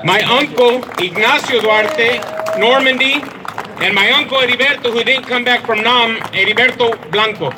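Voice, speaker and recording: A man's voice: extremely high pitch, moderate pace, noisy background. Man, rally speech, punchy and rousing, outdoors, faint crowd behind. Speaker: rally speaker.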